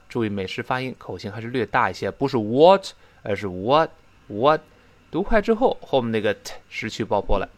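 Guy teaching english pronunciation, voice jumps all over, dry close sound, drills phrases slow. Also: medium pitch, dry recording. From China. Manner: animated, repeats model phrases slowly for drill. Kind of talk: spoken English lesson, explaining pronunciation.

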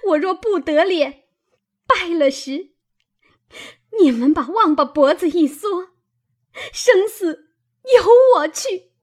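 A woman reader voicing a proud young maidservant who scolds in a high, loud voice and cries in anger. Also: sing-song, a little slow, husky, heavily acted. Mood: furious tearful. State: crying while scolding.

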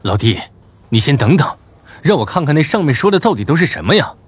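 A man's voice: fairly high pitch, big pitch swings, quick pace, husky, pitched above the performer's own voice. A man doing a coaxing, stubborn young man. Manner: coaxing, then indignant. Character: smooth-talking young man, pleading and stubborn. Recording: faint music behind.

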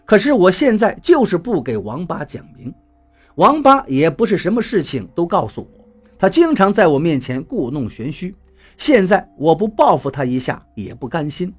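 A man reading a first-person story aloud in an expressive way, moving between tense and wry. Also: high voice, moderate pace, slightly rough. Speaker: audiobook narrator. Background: faint music.

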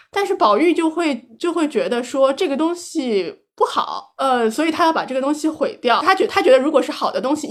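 Quick, high-voiced woman podcast host. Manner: quick, chatty, thinks aloud with frequent restarts. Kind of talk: casual book chat.

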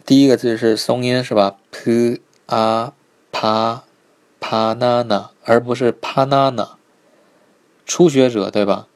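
A man teaching a live online pronunciation lesson, patiently repeating each sound slowly and checking in with his students. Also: medium pitch, fairly even intonation, darkish tone. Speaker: Korean language teacher.

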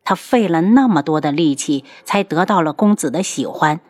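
A woman narrating a novel as an audiobook in an even storytelling delivery. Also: low voice, normal speed, dry recording, studio quality.

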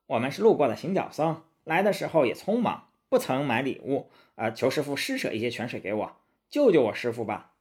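A man voicing a cocky, quick-witted male monkey king in a storybook tale, brash and self-assured. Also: mid-range voice, very animated, darkish tone, lightly acted. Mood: eager.

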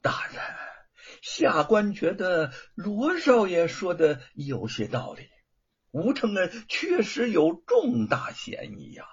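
A male storyteller voicing a sly county official who speaks in a low, hushed, insinuating tone. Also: wildly swooping pitch, takes it slowly, breathy edge, dull audio, full character voice.

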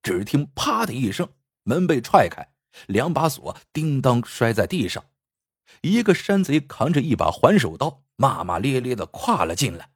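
A man's voice: mid-range voice, very animated, moderate pace, slightly rough, no room sound. A man narrating a dramatic story expressively, acting out the scenes close to the mic.

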